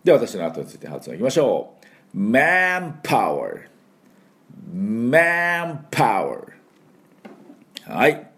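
A man's voice: low-pitched, a little mellow. A middle-aged man hosting an English pronunciation lesson, acting out sounds playfully and leading exaggerated repeat-after-me drills. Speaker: English pronunciation teacher and host.

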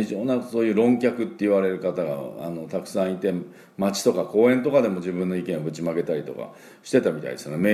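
A middle-aged man with chatty, filler-heavy talk, hosting a daily English lesson and slowly drilling pronunciation. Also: deep voice, warm tone, reverberant. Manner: chatty, many fillers, slow drawn-out teaching of sounds. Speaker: English teacher and school head.

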